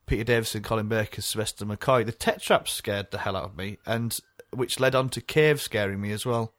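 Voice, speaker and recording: A man, co-hosting a casual podcast, chatty and quick to laugh as he rambles through memories. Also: on the low side, fairly bright tone, no echo. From North East England. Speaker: podcast co-host.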